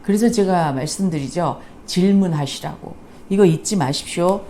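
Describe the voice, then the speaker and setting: Low, mellow-voiced woman counselor. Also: normal speed, a little hiss or hum. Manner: poses rhetorical questions to the listener; acts out parents' lines in quotes. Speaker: parenting and youth counselor. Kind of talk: lecture-style parenting advice.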